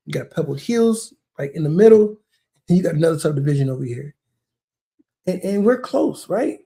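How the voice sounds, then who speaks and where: A man's voice: sits high, creaky, mellow. A man, a realtor hosting his own video, explaining a process in a loose, conversational way, often repeating words and saying "man" and "bro.". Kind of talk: casual explainer talk. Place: lives near a large Texas city.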